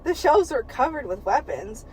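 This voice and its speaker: Giggly woman reading aloud, high voice. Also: very animated, normal speed, a little mellow, husky, poor audio. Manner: giggly and profane, breaks into laughter while reading. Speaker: podcast co-host reading a book aloud. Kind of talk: comedic read-aloud with banter.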